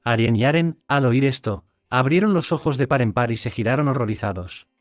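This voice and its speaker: A man reading a scripted story recap as narrator, in an even storytelling manner. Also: mid-range voice, fairly quick, no room sound. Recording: dry close mic, faint music.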